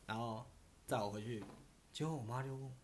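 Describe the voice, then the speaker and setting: A man with a Taiwanese Mandarin accent tells a story on a casual podcast. His pitch sits in the middle, and he rambles loosely. He stumbles over restarts and keeps laughing at his own tale. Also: brisk. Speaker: podcast host.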